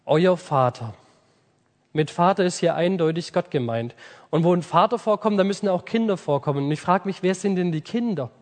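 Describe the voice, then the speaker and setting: Lively high-voiced German preacher man. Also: moderate pace. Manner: lively, swings from loud outbursts to soft intimate lines. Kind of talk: sermon. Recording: reverberant hall.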